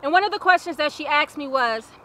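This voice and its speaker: A woman's voice: sits high, lively intonation, fast, fairly bright tone. A young woman recounting her own life in an earnest, plainspoken personal testimony, repeating phrases for weight. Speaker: survivor telling her own story.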